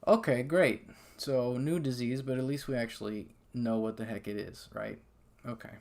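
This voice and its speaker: A man with a gravelly edge to his mid-pitched voice tells his own story in a loose, animated way. He keeps checking in with little "okay?"s and scatters "like" through his sentences. He sounds like casual first-person storytelling. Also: normal speed. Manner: animated, conversational, heavy fillers like "okay?" and "like". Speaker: patient sharing his story.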